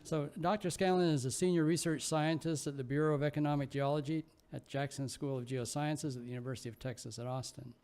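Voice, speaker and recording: A man chairing a session, introducing the next speaker in a formal, measured way. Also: a little high, steady tone, a little mellow, clean tone.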